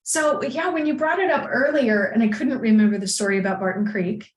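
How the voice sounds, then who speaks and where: A woman coach as a podcast guest, telling personal stories in a chatty, animated way and laughing often. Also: a little high, fairly quick, a little hiss or hum. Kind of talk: casual conversation, personal storytelling. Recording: echoey room.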